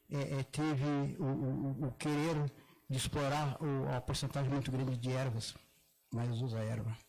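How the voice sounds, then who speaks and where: An older man from southern Brazil, a religious elder giving a halting public talk with many restarts and slowly drawn-out demonstration words. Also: medium pitch, darkish tone, rough recording. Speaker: Afro-Brazilian religious elder speaking at a gathering. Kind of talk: public talk, explaining pronunciation.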